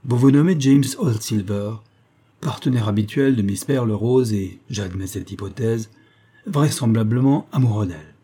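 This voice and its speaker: A man voicing an eccentric, scornful lanky male detective who talks in a brisk, mocking, commanding way. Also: on the low side, dark tone, slightly rough.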